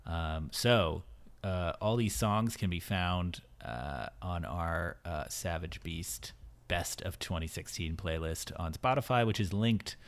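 A man's voice: deep voice, lively intonation, slow pace. A man hosting a music podcast in casual chat, enthusiastic and rambling with many fillers. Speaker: podcast host.

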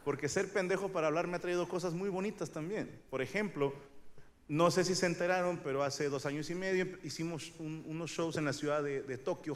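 A middle-aged man with a Mexican accent doing a stand-up comedy monologue, crude, rambling and self-mocking, with sudden loud shouts. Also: on the high side, big-room sound. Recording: noisy live stage recording. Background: audience laughter.

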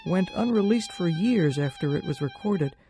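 A woman with a fairly low, warm voice speaks at a moderate pace in an animated way. She hosts and narrates a scripted radio documentary, with music playing underneath.

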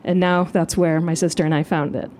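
A woman comedian telling a comic story live on stage, animated and self-mocking. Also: a little fast, slight background noise. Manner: animated, self-mocking, jumps into high voices. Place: live show outdoors.

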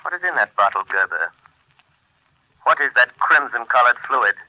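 A male actor with a mid-range voice plays a calm, commanding invisible avenger, speaking in the measured, grave manner of 1930s radio drama. His mood is stern, and the sound passes through a telephone-like filter on a muffled vintage 1930s radio recording.

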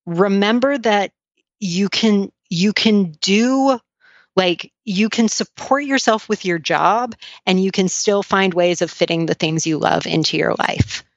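A woman's voice: mid-range voice, unhurried, no room sound. A woman chatting casually as an interview guest, self-deprecating, with slightly slurred, slushy sh-like s sounds. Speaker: podcast guest, author and blogger. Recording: dull lo-fi sound.

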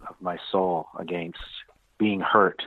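A man's voice: low voice, steady tone, takes it slowly, no room sound. A man co-hosting a music podcast, talking casually and rambling, with many restarts and fillers. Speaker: podcast co-host. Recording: tinny phone-like audio.

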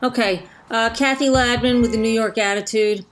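A woman's voice: a little high, steady tone, moderate pace, slight background noise, lightly acted, poor audio. A woman playing a blunt, exasperated press reporter with attitude in a satirical press conference sketch.

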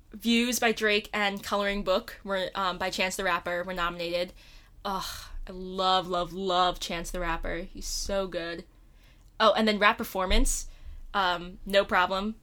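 This young woman co-hosting a podcast has a mid-range voice that sounds pushed and bright. She chats casually, gushing with playful emphasis.

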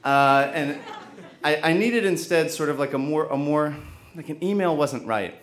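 A man telling a personal story live on stage, earnest and halting, with frequent restarts. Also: on the high side, expressive, a little hiss or hum.

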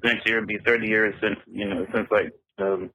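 A man leaving a halting voicemail for a podcast, full of fillers and restarts. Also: on the low side, steady tone, vocal fry, sharp tone, no room sound. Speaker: voicemail caller. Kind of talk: voicemail message. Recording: dull lo-fi voicemail.

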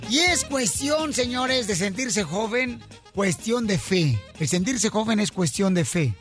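High-voiced joking radio host. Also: male voice, lively intonation, unhurried, a bit bright. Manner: playful, joking, calls out teammates for jokes. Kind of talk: lively radio morning show banter. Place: radio studio. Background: music.

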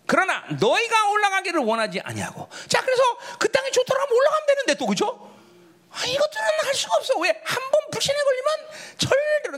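A pastor preaching a sermon, swinging between high exclamations and low murmurs and calling on members of the congregation by name. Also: male voice, fairly bright tone.

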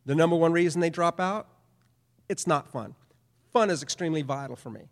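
A man's voice: a little high, fairly quick. A middle-aged man giving a conference presentation as a professor, speaking emphatically with repeated phrases. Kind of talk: lecture presentation. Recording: long hall reverb.

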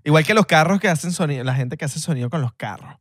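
A man's voice: on the high side, lively intonation, fast talker, dry recording, studio quality. A young man with a Venezuelan accent, co-hosting a podcast, joking and bragging in heavy slang. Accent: Venezuelan Spanish. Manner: jokey, boastful, slangy. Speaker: podcast co-host. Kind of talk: casual banter.

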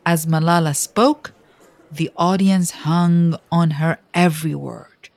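A woman narrates a scripted storybook biography, reading in a measured, expressive way with dramatic pauses. Her voice sits low with some vocal fry, and there is no room sound.

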